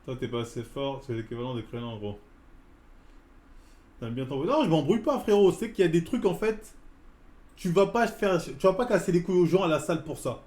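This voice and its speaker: A man's voice: on the high side, lively intonation, a little fast, a little mellow. A man in his forties ranting in casual slang on a live stream about a run-in at the gym. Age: 40s. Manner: slangy, heated street-style talk. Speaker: fitness streamer. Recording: echoey room.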